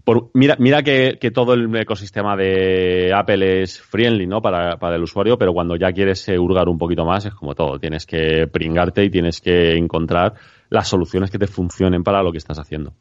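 A man's voice: sits low, fairly even intonation, normal speed, no echo, muffled recording. A man chatting casually on a tech podcast, rambling and emphatic with many restarts.

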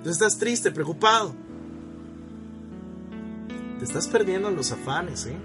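A man's voice: high voice, lively intonation, measured pace, over loud music. A man preaching a sermon, speaking straight to his listeners, repeating phrases for emphasis and calling for an amen. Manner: calls for amen from the congregation.

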